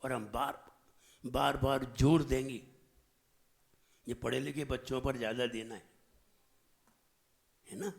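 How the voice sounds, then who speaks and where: A man's voice: medium pitch, steady tone, slow pace, vocal fry, long pauses. A man with a central Indian Hindi accent, a Jain monk giving a sermon, who emphatically drills his audience on correct pronunciation with repeated questions. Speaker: Jain monk teaching recitation. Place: lecture hall at a training camp.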